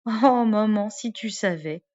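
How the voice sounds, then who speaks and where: A woman's voice: mid-range voice, slow, darkish tone, dull audio, lightly acted. A woman voicing a kind, eager little girl adventurer, speaking reassuringly as in a storybook read to a toddler. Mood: affectionate.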